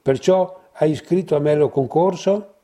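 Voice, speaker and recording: A man's voice: fairly high pitch, normal speed, warm tone, voice pushed up, natural voice. A man doing a puzzled painter friend. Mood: questioning. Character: male painter friend, giggly and thoughtful.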